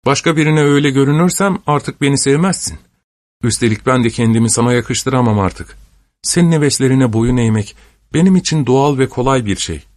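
A man's voice: medium pitch, fairly quick, darkish tone, no room sound, voice pushed up, natural voice. Man voicing a young woman, earnest, coaxing, slightly pouting, raised voice, dry audiobook recording. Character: pleading, lovestruck young woman. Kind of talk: audiobook character reading.

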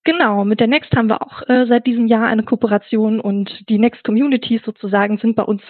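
A woman's voice: fairly high pitch, steady tone, a little fast, dry recording. A woman from the Ruhr area, a podcast guest describing her work in a casual, chatty way that leans on fillers. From Ruhr area, Germany. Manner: chatty, fills with "genau". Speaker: podcast guest, network manager. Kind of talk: casual interview talk. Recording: tinny phone-like line.

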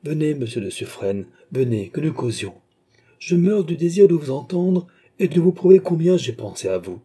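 A man reading an audiobook who voices an effusive, eager French king with excited, exclamatory lines. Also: fairly high pitch, moderate pace, breathy edge, voice pushed up. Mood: delighted, eager. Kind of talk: audiobook character voice.

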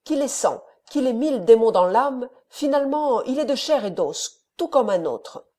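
A woman voicing a furious, rash young man who declaims loudly and heatedly, in a mellow reading voice. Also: fairly high pitch, animated, moderate pace, pitched above the performer's own voice.

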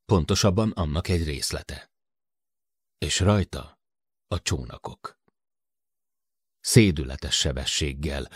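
Male audiobook narrator, very low voice, measured delivery, dry close studio sound. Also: breathy edge, no room sound. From Hungary. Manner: measured, even storytelling. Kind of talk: scripted narration.

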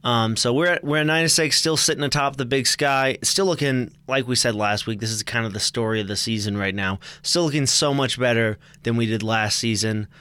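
A young American man talks through a college sports preview in a loose, joking way, catching and correcting his own slips. His voice sits at an ordinary middle pitch. The sound is close and dry, with little room around it. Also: a little fast, few pauses, bright, forceful tone, clean tone, no room sound. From United States. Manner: chatty, joking, self-correcting. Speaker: sports show co-host. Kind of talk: casual sports preview chat.

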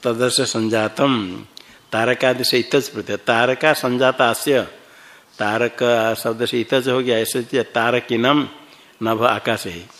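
A man teaching Sanskrit grammar in a class, reciting rules slowly and patiently quizzing his students. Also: medium pitch, fairly even intonation, a bit bright, rough recording.

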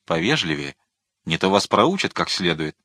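An imperious nobleman, haughty and used to command, as a male narrator puts him on. The voice is low and deliberate, and it is recorded dry and close. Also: very animated, a bit bright, no echo, full character voice.

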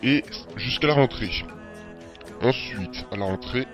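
A man's voice: mid-range voice, measured pace, muffled recording. A teenage young man presenting an informal spoken segment on web radio. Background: music.

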